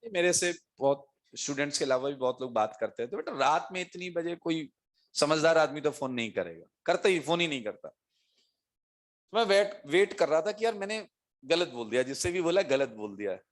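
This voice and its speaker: A middle-aged man teaching chemistry, telling a lively story to his students and laughing as he acts out the voices of the people in it. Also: a little high, moderate pace.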